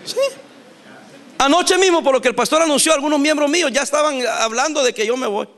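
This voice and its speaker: A male pastor preaching a sermon in a lively, animated way, laughing and acting out quotes. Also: very high-pitched, a little fast.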